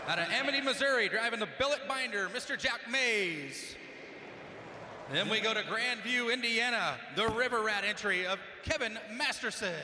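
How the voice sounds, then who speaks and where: A man's voice: very high-pitched, normal speed, bright, forceful tone. A man announcing a tractor pull class over an arena PA, projecting formal introductions of each driver. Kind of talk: live arena announcing of a competitor lineup. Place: large indoor arena. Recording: echoey arena PA, crowd and noise. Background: crowd and arena noise.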